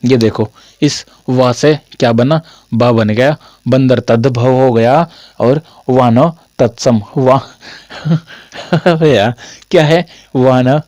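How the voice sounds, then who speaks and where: A man's voice: mid-range voice, slow, a little mellow, no echo, studio quality. A young man teaching a casual online Hindi grammar lesson, chatty and repetitive, with a sore throat from a cold. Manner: chatty, repetitive, jokey asides to students.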